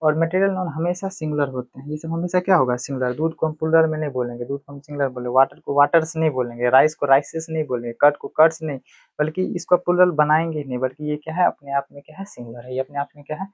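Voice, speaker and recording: A man's voice: on the high side, a little mellow, no room sound. A man teaching English grammar, explaining step by step and answering his own questions. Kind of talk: classroom lecture. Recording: tinny phone-like dry sound.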